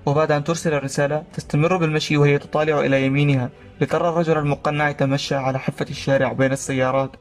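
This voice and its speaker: Brief: male narrator, fast, even delivery, slightly high voice, faint music behind. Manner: rapid, even reading. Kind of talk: scripted story narration.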